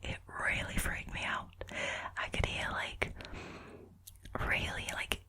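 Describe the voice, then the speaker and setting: Whispering woman reading creepy stories. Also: takes it slowly. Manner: soft whisper with chatty asides. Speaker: ASMR host. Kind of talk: whispered ASMR storytelling.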